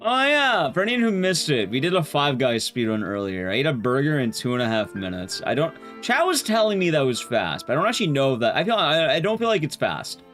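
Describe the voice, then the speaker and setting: Streaming a game while casually chatting with viewers, a man talks in a slightly high voice whose pitch swoops wildly. He's brisk and fairly bright, barely pausing, rambling and restarting sentences midway, with faint music in the background.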